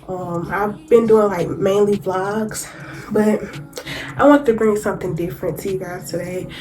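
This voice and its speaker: Sitting down indoors, a young YouTuber talks to her camera in a warm, mid-range voice at a moderate pace and steady tone, with faint music behind her. Though congested with a cold, she's chatty, addressing viewers as y'all and checking notes on her phone.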